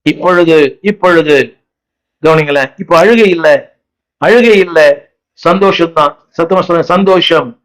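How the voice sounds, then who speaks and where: A man's voice: on the high side, moderate pace, pauses often, poor audio. A man with a Tamil accent preaching a sermon, repeatedly calling on his congregation to say the words aloud after him. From India. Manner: repetitive, exhorting, asks the crowd questions. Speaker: pastor. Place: church.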